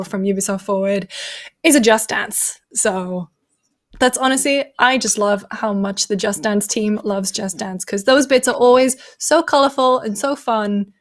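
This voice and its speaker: A woman hosting a casual gaming panel chat, steering the talk and laughing easily. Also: mid-range voice. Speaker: host.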